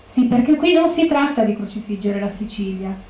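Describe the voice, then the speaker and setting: A woman's voice: mid-range voice, animated, normal speed, darkish tone, close to an everyday voice. An actress playing the grieving widow of a murdered policeman, bitter and accusing, in a stage monologue. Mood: indignant. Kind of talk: theatrical monologue. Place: bookshop stage. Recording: echoey room.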